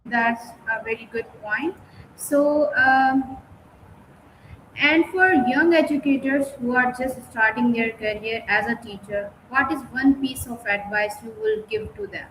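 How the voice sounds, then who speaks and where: A woman with a high voice hosts an interview over a video call, asking polite questions with a few fillers. Her audio comes through as video call sound from an echoey room. A faint hum of background noise sits under her voice. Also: animated, unhurried, fairly bright tone. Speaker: interview host.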